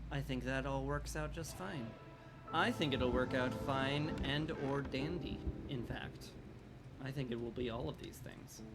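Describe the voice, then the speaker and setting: A man with a hoarse, smoker-like rasp giving casual, rambling live commentary as a video game streamer, with a wry, self-deprecating way of talking. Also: medium pitch, unhurried. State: strained, hoarse throat. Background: music.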